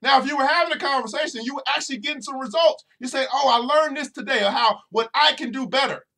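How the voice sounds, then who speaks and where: A financial educator hosting a motivational podcast speaks in a very high-pitched, fast, sharp-toned voice. He preaches directly to his listeners, repeating phrases again and again for emphasis.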